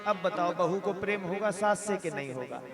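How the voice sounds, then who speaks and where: A man's voice: high-pitched, lively intonation, moderate pace, over loud music. A man preaching a devotional story sermon, folksy, acting out family members' voices. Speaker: Ram Katha preacher.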